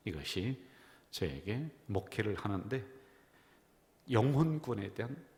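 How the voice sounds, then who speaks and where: A middle-aged man preaching a sermon as pastor, telling stories and swinging from near-whispers to loud emphasis. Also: on the low side, very animated, measured pace. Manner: storytelling, dropping to a whisper and rising for emphasis. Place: church sanctuary. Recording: church hall reverb.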